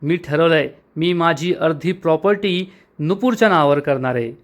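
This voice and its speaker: Rich determined young man read by the narrator, high voice, plain reading, soap recap. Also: moderate pace, close to an everyday voice.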